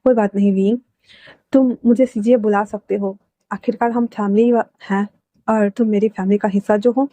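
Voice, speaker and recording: A woman voicing a kind young woman who speaks gently and reassuringly. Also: medium pitch, fairly even intonation, moderate pace, no room sound, natural voice. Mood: gentle.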